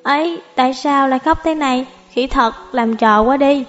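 A woman's voice: high voice, normal speed, a bit bright, in a large hall. A woman voicing a drunk, heartbroken young woman who rambles tearfully, over faint music. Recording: slightly dull audio, faint music.

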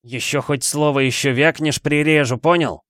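A man's voice: on the high side, steady tone, normal speed, fairly bright tone, no room sound, studio quality, pitched above the performer's own voice, lightly acted. A man voicing an arrogant, cruel teenage boy bandit who speaks haughtily and threatens. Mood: menacing, haughty.

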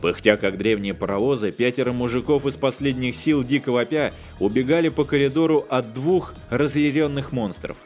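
A male narrator reads a comic space story with a wry, even storytelling voice. His pitch sits in the middle range. Quiet music plays underneath. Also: moderate pace, hardly any pauses. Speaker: audiobook narrator. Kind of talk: scripted narration.

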